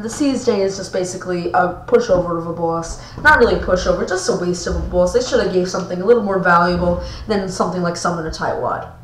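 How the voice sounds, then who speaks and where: A woman talks through a ranked gaming list in an easygoing, rambling way, often stumbling and restarting her sentences. Her voice sits at an ordinary middle pitch. The room around her rings with noticeable echo. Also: slight background noise. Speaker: gaming video host. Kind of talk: casual ranked-list commentary.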